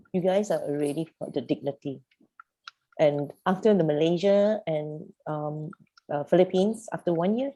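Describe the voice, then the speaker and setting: A woman with a low-pitched, mellow voice facilitates a youth program over a video call. Her animated group coaching is emphatic, and she poses one rhetorical question after another.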